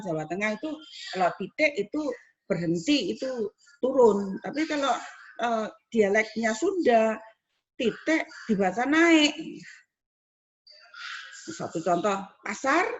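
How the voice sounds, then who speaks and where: A woman university lecturer teaching students, explaining step by step and acting out spoken examples. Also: medium pitch. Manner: explains slowly with spoken examples, rising on questions. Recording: dull lo-fi recording with faint noise.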